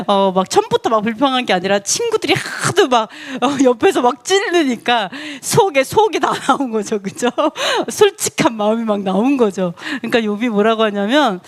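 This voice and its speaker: High-voiced woman preaching animatedly. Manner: animated, acts out quotes with pitch jumps; laughs often, conversational asides to the congregation. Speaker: pastor. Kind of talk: sermon.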